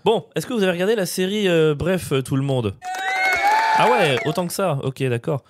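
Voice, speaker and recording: A man's voice: a little high, moderate pace, very noisy. A man co-hosting a podcast from France, chatting in a slangy, rambling, self-mocking way. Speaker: podcast co-host. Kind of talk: casual chat.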